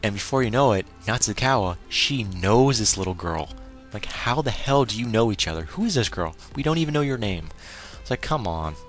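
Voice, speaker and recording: Male anime reviewer with a slightly low voice for a casual recap, exclaims his opinions. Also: animated, a little fast, faint music behind.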